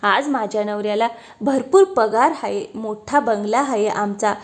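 A woman's voice: medium pitch, measured pace, natural voice. A woman voicing a proud, boastful young wife who brags about her wealth. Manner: haughty, bragging.

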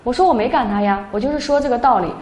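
Fast-talking young woman telling a story. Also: a little high, darkish tone. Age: young adult. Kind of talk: first-person story narration. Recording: echoey room, faint background noise.

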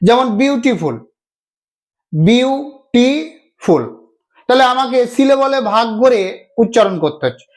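High-voiced man teaching a grammar lesson. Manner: patient, repeats each step and asks himself questions. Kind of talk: classroom-style video lesson.

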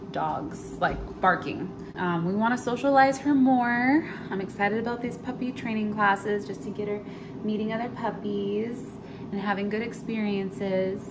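A woman's voice: medium pitch, background noise. A young woman chatting casually in a home vlog, bubbly and a little tired, laughing often. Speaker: vlogger. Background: music.

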